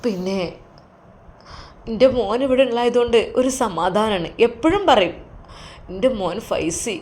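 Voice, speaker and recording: An elderly mother who is loving but anxious, as a woman narrator plays her, speaking. Her voice sits a little higher than the narration, and she sounds earnest and plaintive about having no one to look after the family. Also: lively intonation, a little slow, darkish tone, close to an everyday voice. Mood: worried.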